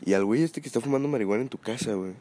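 A man's voice: mid-range voice, very fast. Slangy Mexican man telling a story. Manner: slangy and animated, often swearing, peppered with "güey". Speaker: podcast co-host telling a story. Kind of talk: casual chat, storytelling.

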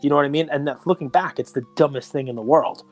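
A man co-hosting a casual podcast, talking in an animated way and acting out what other people say in excited voices. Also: fairly high pitch, fast talker, soft background music. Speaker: podcast co-host.

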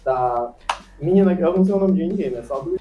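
A man with a somewhat high voice, chatting about films with eager excitement and frequent laughs. His voice rings out in an echoey room, with faint music playing underneath. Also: fairly quick, narrow, tinny audio. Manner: enthusiastic, laughs often. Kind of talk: casual movie chat.

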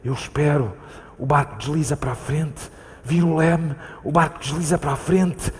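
A man's voice: on the high side, steady tone, normal speed, natural voice. An actor with a European Portuguese accent plays a frightened man at sea, searching for his lost companion in an urgent, repetitive, pleading voice. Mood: haunted recounting. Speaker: actor in a staged reading. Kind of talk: staged theatre reading. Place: theatre hall. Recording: live stage reading in a reverberant hall.

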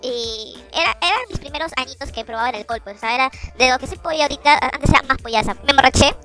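A woman's voice: high-pitched, racing, pushed and bright. A young woman telling rambling, self-correcting stories in a casual chat with friends. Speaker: storyteller in a group chat. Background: background music.

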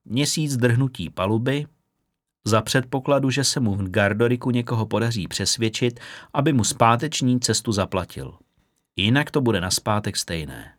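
Brief: man narrating a novel, expressive storytelling, middle pitch, dry studio sound. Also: no room sound. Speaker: audiobook narrator. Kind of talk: scripted narration.

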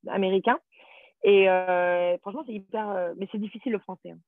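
A woman's voice: medium pitch, fairly even intonation, a little fast. A woman talks in French in a loose, chatty way, full of fillers and little stories. Her voice comes through thin and tinny, like a phone line. The sound is dry, with no room echo. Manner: chatty, storytelling, many fillers. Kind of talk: casual chat.

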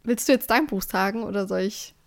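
A woman's voice: mid-range voice, a little fast, creaky. Chatty young woman podcast co-host. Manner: chatty, laughs often, trails off with fillers. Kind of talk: casual chat.

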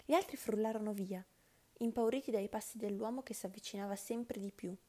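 A woman's voice: mid-range voice, fairly quick. Woman reading a children's story. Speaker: narrator. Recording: loud background music.

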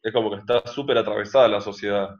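Low-voiced Argentine man, lo-fi sound. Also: fairly even intonation. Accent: Argentine Spanish. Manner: reflective, measured explanations with fillers. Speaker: guest. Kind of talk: casual conversation. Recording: dull lo-fi sound.

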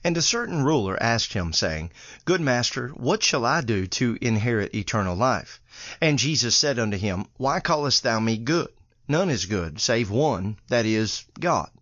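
A man reading scripture aloud in a steady, measured way. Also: mid-range voice, no echo. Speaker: Bible reader. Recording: dull lo-fi dry recording.

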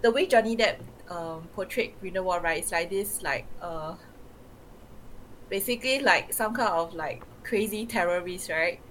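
A woman's voice: fairly low pitch, normal speed, fairly bright tone. A woman with a Singaporean accent giving her views on films in casual discussion over a voice chat. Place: remote voice chat. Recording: clearly noisy voice chat audio.

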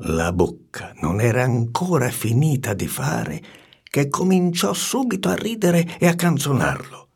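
A man reading a storybook aloud with an expressive, swinging delivery and hushed asides. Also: medium pitch, a little slow, gravelly, breathy edge.

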